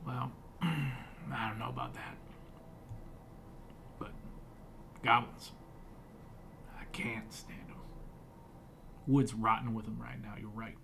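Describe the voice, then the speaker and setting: A man voicing a gruff, weathered woodsman in a tabletop game, speaking curtly in a hushed, breathy voice. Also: mid-range voice, expressive, takes it slowly, pauses often, exaggerated voice. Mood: gruff, grudging. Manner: curt, folksy backwoods talk with swearing. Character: gruff, lean, weathered woodsman hostile to goblins. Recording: noisy room recording.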